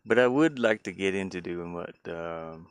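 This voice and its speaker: On a livestream, a man casually shows off a game he's developing, chatting in an easygoing, rambling way and often trailing off. His voice is low-pitched and smooth, moving at a moderate pace.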